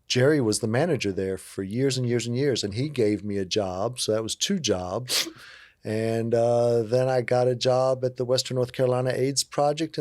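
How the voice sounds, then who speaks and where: A man in his fifties from Virginia, a guest telling his life story in a relaxed, candid, self-joking way. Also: medium pitch, no echo, clean studio sound. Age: 50s. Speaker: interview guest. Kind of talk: casual storytelling conversation.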